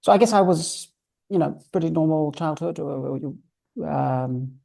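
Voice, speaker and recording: Gravelly, hesitant Swiss-born man. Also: on the high side, a little slow, warm tone. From Switzerland. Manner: hesitant, many ums and uhs. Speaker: guest, sober coach. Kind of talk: casual interview answers.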